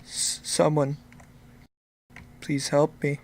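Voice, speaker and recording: A man's voice: on the high side, completely flat delivery, very slow, creaky, a little mellow, full character voice. A man voicing a weak chained captive who pleads in a faint, distant-sounding voice. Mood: pleading. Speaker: game master. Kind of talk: voicing a character in a tabletop game.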